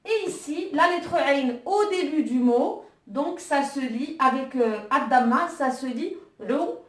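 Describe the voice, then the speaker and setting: A woman's voice: sits high, lively intonation, unhurried, reverberant, distant mic. A woman teaching an Arabic alphabet lesson online, patiently guiding exercises with frequent hesitations.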